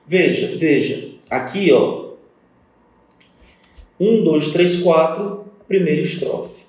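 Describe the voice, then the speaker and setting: A man records an exam-prep poetry lesson from a distance in a very echoey room, his fairly high, darkish voice moving slowly. As a literature teacher with a Brazilian Portuguese accent, he counts lines and syllables out loud and answers questions from imagined students.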